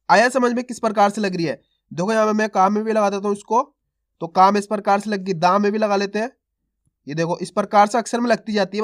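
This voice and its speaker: Patient man teaching Hindi letter sounds. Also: sits high. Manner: patient, repeats sounds slowly and asks if you understood; stretches syllables for emphasis. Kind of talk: step-by-step phonics lesson.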